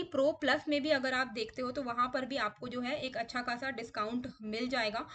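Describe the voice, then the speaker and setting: Bright high-voiced Indian woman explaining. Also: a little hiss or hum. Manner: explanatory, mixes Hindi and English, guiding step by step. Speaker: stock market YouTuber. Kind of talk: screen-share tutorial walkthrough.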